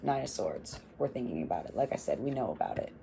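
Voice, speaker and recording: A young adult woman giving a casual tarot reading, swearing freely, laughing often and rambling in an animated way. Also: very deep voice, quick pace, vocal fry, a little hiss or hum. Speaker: tarot reader.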